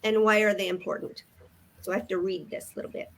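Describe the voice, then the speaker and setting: A woman's voice: medium pitch, flat delivery, fairly quick, a bit bright. An older woman from Canada hosting a casual group video chat. She speaks in a friendly, organized way and reads short passages aloud. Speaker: host.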